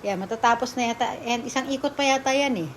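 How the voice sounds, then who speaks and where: Filipino mom doing a chatty vlog voiceover, kinda high voice, laughs a lot, faint hiss behind. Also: female voice, fast talker. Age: middle-aged. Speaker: vlogger. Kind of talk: casual voice-over narration. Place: quiet room at night.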